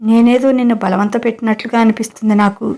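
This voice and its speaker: A woman's voice: fairly high pitch, fairly even intonation, fast talker, dark tone, natural voice. Woman reading as a pleading, doting man. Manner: pleading, coaxing. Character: middle-aged man, an employer, pleading and doting.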